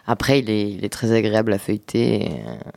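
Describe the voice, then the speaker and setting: A man's voice: fairly low pitch, big pitch swings, fairly quick, creaky, darkish tone, dry recording. A man on a radio panel giving his opinion on books, hesitant and repeating words as he searches for them. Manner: hesitant, repeats words, gets livelier when amused. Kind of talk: casual radio book review chat.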